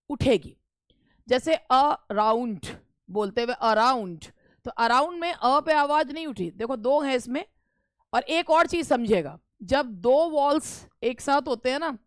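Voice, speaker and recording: A woman's voice: high voice, no echo, clean studio sound. A woman teacher giving an online exam-prep lesson, explaining step by step and stretching words to show their stress.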